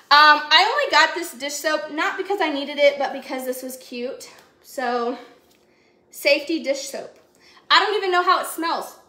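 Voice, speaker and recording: Speaking at a moderate pace, a young woman livestreams a grocery haul from her home kitchen, her high voice bright and forceful as she rambles and giggles with viewers. A phone camera at arm's length picks her up, and the room is echoey with faint noise.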